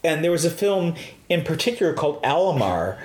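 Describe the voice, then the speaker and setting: A man's voice: on the high side, sing-song, a little fast. American guy chatting loosely, lots of ums and likes, echoey room sound. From United States. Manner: rambling, hesitant, lots of "um" and "like". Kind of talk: casual chat. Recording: roomy echo.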